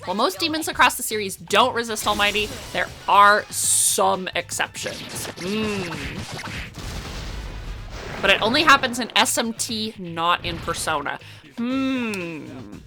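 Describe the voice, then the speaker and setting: A woman giving casual let's play commentary as a video game streamer, excitable and prone to sudden shrieks and shouts. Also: medium pitch, a little slow, faint music behind.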